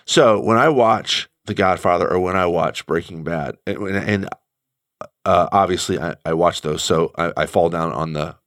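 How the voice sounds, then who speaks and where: Deep-voiced man talking thoughtfully. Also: normal speed, a bit bright, no echo, clean studio sound. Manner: thoughtful, searching, many restarts. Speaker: guest commentator. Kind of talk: conversational radio talk.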